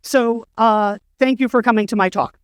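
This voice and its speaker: At an indoor conference keynote, a middle-aged man shares stories laced with wry, self-deprecating humor. His high-pitched voice is smooth and moves at a moderate pace, and the recording is dry with clean studio sound.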